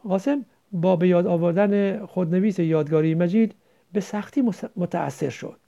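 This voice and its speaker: A man narrates a novel aloud in a lively storytelling manner. His voice is high and gravelly, with a warm, mellow tone. The recording is dull and lo-fi.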